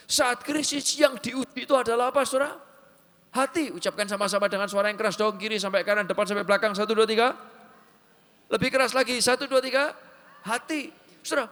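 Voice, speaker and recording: Energetic preacher man in a reverberant hall. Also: high-pitched. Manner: energetic, calls the congregation to repeat lines aloud. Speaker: pastor. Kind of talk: sermon. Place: church hall. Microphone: handheld or headset mic on a sound system.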